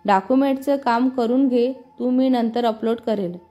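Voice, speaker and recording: A quiet young male boss, voiced by a woman storyteller speaks in a mild, even way, somewhat high for a man. Soft music sits faintly underneath. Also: normal speed, lo-fi sound, lightly acted. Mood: calm. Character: young man, office boss, smitten and calm.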